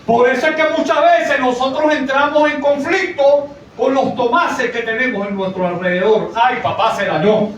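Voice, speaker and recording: A man's voice: very high-pitched, normal speed, hardly any pauses, a bit bright. A man preaching a sermon in a conversational way, often asking the congregation questions. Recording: echoey, from far off, faint noise.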